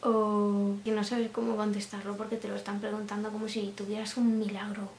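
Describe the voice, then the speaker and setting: Giggly young woman w/ chatting to camera, soft asides, faint hiss in a roomy space. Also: mid-range voice, completely flat delivery, a little fast. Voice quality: laughs often, drops into soft asides. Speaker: vlogger. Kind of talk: casual chat to camera.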